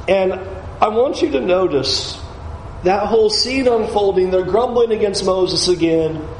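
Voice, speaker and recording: A man preaching an expository sermon, animated and acting out the people's complaints. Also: sits high, unhurried. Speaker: pastor. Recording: roomy echo, faint background noise.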